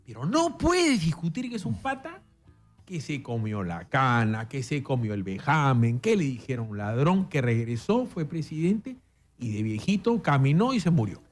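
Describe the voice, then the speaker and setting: A Peruvian man, an interview guest, telling stories in an emphatic, animated way about politics. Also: mid-range voice, moderate pace, faint music behind. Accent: Peruvian Spanish. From Peru. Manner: emphatic, storytelling.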